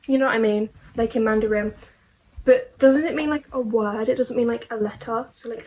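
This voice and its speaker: A young woman rambles through her video diary in a slightly high voice. She talks casually and in a puzzled way, stacking up "like"s and rhetorical questions. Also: a little mellow, lo-fi sound. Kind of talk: casual rambling monologue to camera.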